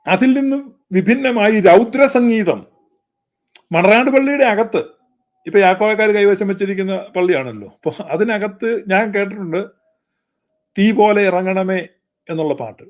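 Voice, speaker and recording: A male preacher with a high voice. He scolds with fervour and drives his points home by repeating them. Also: lively intonation, normal speed. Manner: fervent, scolding, mocking, with pointed repetition. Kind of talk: sermon-style critique.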